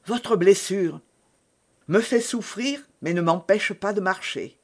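An earnest young rescuer, voiced by a man reading aloud, speaking with hushed urgency and devout conviction. The voice sits a little high and moves slowly. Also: exaggerated voice. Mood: urgent.

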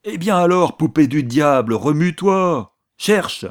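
A man's voice: fairly high pitch, animated, slow pace, dry recording, studio quality. A man voicing a hot-tempered hussar officer, reading dialogue for an audiobook. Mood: furious. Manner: bursts into loud angry outbursts.

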